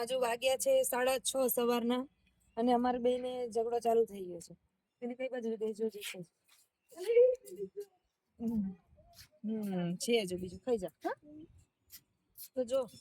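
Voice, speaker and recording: A woman's voice: high-pitched, dry recording. A woman, a mother hosting a casual family vlog, chatty and coaxing her children with questions.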